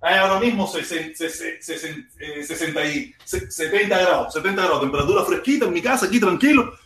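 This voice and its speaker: A man with a Cuban accent hosting a casual live stream from home, animated and repeating his phrases as he reads viewer comments aloud. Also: sits high, brisk. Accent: Cuban Spanish. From Cuba. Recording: roomy echo.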